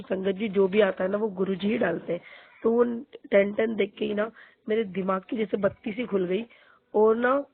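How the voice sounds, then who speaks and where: A middle-aged woman with a sore, strained throat earnestly tells the congregation about her spiritual experience, repeating phrases for emphasis. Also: medium pitch. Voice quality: husky, gravelly voice. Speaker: devotee sharing a spiritual experience. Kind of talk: devotional testimony to the congregation. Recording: tinny phone-quality, dry.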